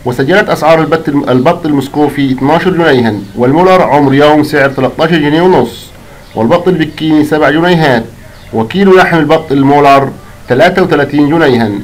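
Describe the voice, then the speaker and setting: Egyptian man, channel host, rapid read-out price report, brisk number lists. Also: on the high side, low-quality recording. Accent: Egyptian Arabic.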